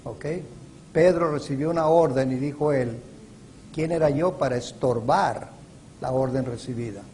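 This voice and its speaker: A man preaching a sermon in a slow, emphatic way, with stressed words that rise sharply. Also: medium pitch, dark tone, a little hiss or hum. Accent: Latin American Spanish.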